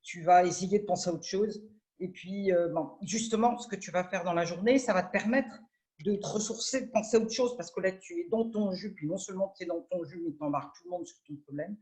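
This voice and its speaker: A woman speaking on a video call with a mid-pitched voice. She gives management advice in a brisk, assertive way, telling anecdotes about her team. Her delivery is steady and sure. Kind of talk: remote meeting discussion.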